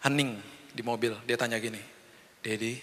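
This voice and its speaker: A man's voice: mid-range voice, a little fast, sharp tone. A middle-aged man preaching a sermon as pastor, telling personal stories, acting out the voices in them and speaking directly to his congregation. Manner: personal storytelling that acts out the voices in the dialogue. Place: large church hall. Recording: long hall reverb from the church.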